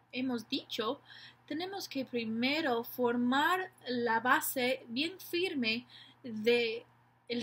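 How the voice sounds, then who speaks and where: A woman's voice: a little high, a bit bright, slightly rough. A woman giving parents an informal lesson, explaining patiently step by step. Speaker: educator giving tips to parents.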